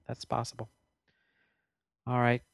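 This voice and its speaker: A man's voice: mid-range voice, monotone, measured pace, gravelly, dry recording. A man co-hosting a podcast, casually recapping a TV episode at length and correcting himself as he goes. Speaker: podcast co-host.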